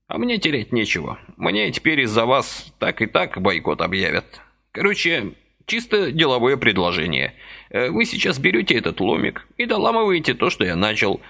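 A man voicing a fussy, excitable little old man in a high, animated, easily indignant voice for an audiobook. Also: creaky, full character voice. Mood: persuasive. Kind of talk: audiobook character voice.

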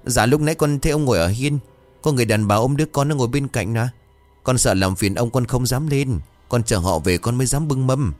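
A man's voice: mid-range voice, brisk, a little mellow, faint music behind, voice pushed up, natural voice. A man voicing a timid young male servant who stammers politely and sounds frightened. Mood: nervous.

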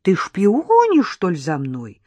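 A reader voicing a stubborn, secretive young maid who snaps and teases in drawn-out, raised phrases, in an audiobook. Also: mid-range voice, wildly swooping pitch, dark tone, no room sound, heavily acted. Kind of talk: audiobook character voice.

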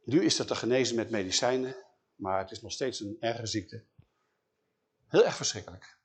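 A man retelling a Bible story in an animated way, often checking in with his listeners. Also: fairly low pitch, normal speed, slightly rough.

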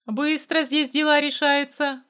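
A woman voicing a hard-bitten male mercenary who talks in curt, loud, barking lines in a spoken story. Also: fairly high pitch, expressive, normal speed. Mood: gruff.

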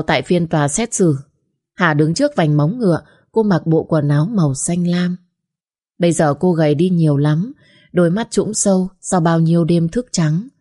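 A woman narrating a sorrowful scripted story in a measured way. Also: sits low, mellow.

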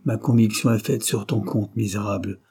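Stern commanding young man in a storybook, as a male narrator puts him on, firm and accusing, low husky voice. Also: steady tone, normal speed, dark tone. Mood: menacing.

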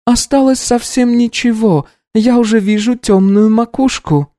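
Woman voicing a brisk practical housekeeper-midwife. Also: fairly high pitch, dark tone, dry recording, clean studio sound, lightly acted. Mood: calm, firm. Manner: firm, soothing, matter-of-fact. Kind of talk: audiobook reading.

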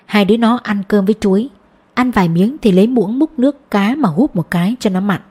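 A woman narrating a novel as an audiobook, reading in a steady, even manner. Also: mid-range voice, brisk, slightly rough. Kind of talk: storybook narration.

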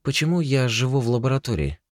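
A man's voice: mid-range voice, very animated, fast talker, dry recording, clean studio sound, pitched above the performer's own voice, lightly acted. A man voicing a young woman in an audiobook, a distraught sister who talks in tearful, accusing bursts. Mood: suspicious.

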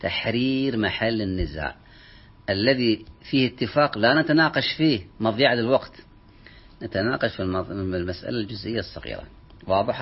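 Man preaching a lecture, low husky voice, fast and lively, muffled lo-fi recording. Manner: emphatic, asks the audience rhetorical questions. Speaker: Islamic preacher. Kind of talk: religious lecture. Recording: dull lo-fi recording.

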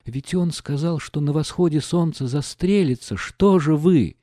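A man's voice: on the high side, a little slow, mellow, no echo, clean studio sound, pitched above the performer's own voice, close to an everyday voice. A man reading aloud, voicing a frightened young woman who pleads urgently. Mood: alarmed. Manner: urgent, alarmed.

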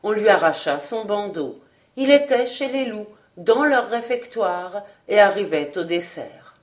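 A woman narrating a classic adventure novel as an audiobook reader, reading expressively. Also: medium pitch.

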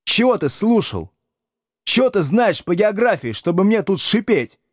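A cocky young male teacher, put on by a man reading an audiobook snaps orders at his class in a sharp, scolding voice pitched well above the reader's own. The delivery is lively and commanding. The recording is close and dry. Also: a little slow, no echo, full character voice.

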